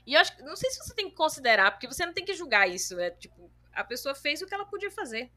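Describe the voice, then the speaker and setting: A woman hosting a podcast, reading listener comments aloud and chatting, running one thought into the next with hardly a pause. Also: sits high, very animated, sharp tone. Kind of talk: casual chat.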